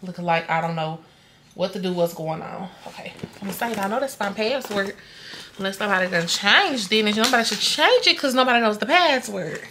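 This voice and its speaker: A young woman with a medium-pitched, sharp voice talks briskly in a casual vlog chat, recorded at home at night with slight background noise. Tired and rambling, she speaks to the camera and her dog and keeps trailing off to herself.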